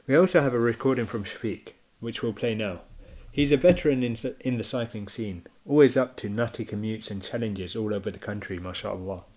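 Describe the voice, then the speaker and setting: A man's voice: on the low side, a little fast, few pauses, a little mellow. A man hosting a podcast, introducing contributors in a friendly, chatty way. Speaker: podcast host. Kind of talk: podcast presenting.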